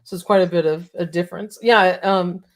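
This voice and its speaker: A woman co-hosting a casual talk show, chatty and quick to laugh, her voice a little cracked. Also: lowish voice, fairly even intonation. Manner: chatty, laughs often, reads out viewer comments. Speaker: podcast co-host. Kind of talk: casual chat.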